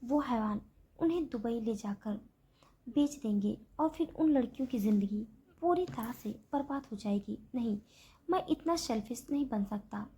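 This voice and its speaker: A woman voicing a young man who gently reassures and protects his beloved in a spoken story. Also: on the high side, breathy edge. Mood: troubled.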